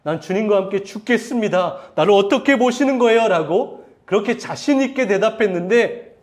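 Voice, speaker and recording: A male pastor delivers an emotional sermon in a fairly high voice. He talks straight to the congregation, asks questions, and swells in intensity when he acts out quoted pleas. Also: expressive, normal speed.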